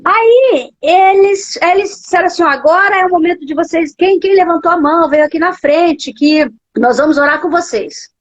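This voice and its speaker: A woman's voice: very high-pitched, moderate pace. A woman with a Brazilian Portuguese accent, a pastor giving an emotional testimony in a live interview, her voice sometimes breaking. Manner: emotional storytelling, voice breaking at times. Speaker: guest, pastor. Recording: dull lo-fi live stream audio.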